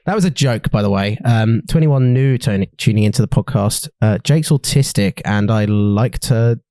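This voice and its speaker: Teasing young man, mellow and dry. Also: lowish voice, moderate pace, no room sound. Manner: teasing, sweary banter. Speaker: podcast co-host. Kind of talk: casual chat.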